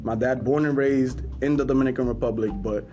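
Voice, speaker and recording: A man's voice: mid-range voice, steady tone, fairly quick, music in the background. A man from New York being interviewed, talking in a laid-back, slangy way and slipping into Spanish phrases. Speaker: chef and musician, interviewee. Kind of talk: casual interview talk.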